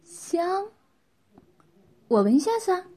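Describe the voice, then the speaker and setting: A woman's voice: very high voice, big pitch swings, slow, warm tone, pitched above the performer's own voice, full character voice. A woman putting on a bossy, teasing young wife. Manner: teasing, commanding.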